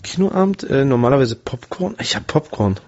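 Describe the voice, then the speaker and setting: Man, voice morphing filter, gravelly and husky, dull lo-fi sound, jokey banter. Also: mid-range voice, lively intonation, moderate pace, a little mellow. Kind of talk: casual podcast chat.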